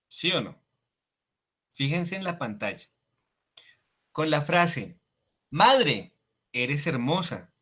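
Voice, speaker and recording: A man teaching a Latin class over slides, repeating each Latin phrase slowly and often checking with his students. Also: medium pitch, a bit bright. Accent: Latin American Spanish. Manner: slow, deliberate, frequent checking questions ("¿sí?").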